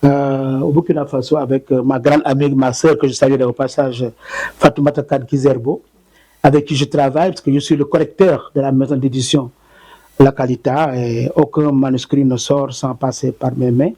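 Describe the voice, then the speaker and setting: A poet being interviewed, a man who talks in a halting way with many fillers and repeated words, stopping to count out syllables. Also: mid-range voice, flat delivery, warm tone, husky, rough recording. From Senegal. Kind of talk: conversational interview answers.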